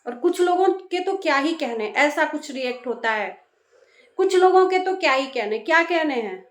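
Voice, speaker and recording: A woman's voice: high voice, animated, moderate pace, echoey room. A woman vlogger giving a scolding, exasperated reaction monologue that repeats phrases for emphasis.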